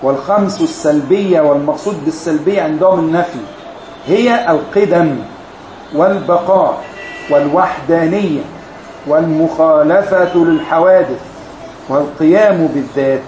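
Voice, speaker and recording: A man teaches a religious lesson, his voice sitting a little high for a man. He lays out each point with careful, measured explanation. The recording is roomy and echoey, with faint ambient noise underneath. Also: a little mellow. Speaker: sheikh teaching a women's study course.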